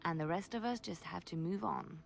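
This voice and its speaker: Gentle, wistful woman companion. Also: on the low side, brisk, creaky. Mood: tender, sincere. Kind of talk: video game dialogue acting.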